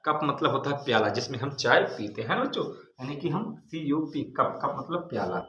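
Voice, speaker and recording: A man teaching English vocabulary as a classroom lesson. He spells each word letter by letter, then repeats its meaning with a steady "ok". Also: mid-range voice, fairly quick, muffled recording. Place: large classroom. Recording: echoey room, faint background noise.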